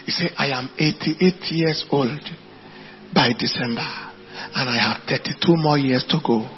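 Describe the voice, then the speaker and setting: Speaking at a measured pace in a mid-range voice, a Nigerian-accented man delivers an animated sermon full of anecdotes. He declaims to the congregation, repeating points emphatically to drive them home. The audio has its highs cut off, with soft background music.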